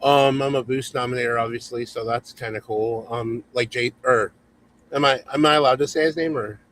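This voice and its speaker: A man's voice: mid-range voice, fairly even intonation, fairly quick, fairly bright tone, rough recording. A man in his forties hosting a casual livestream chat over a video call, chatty and reading viewer comments aloud. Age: 40s. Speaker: host.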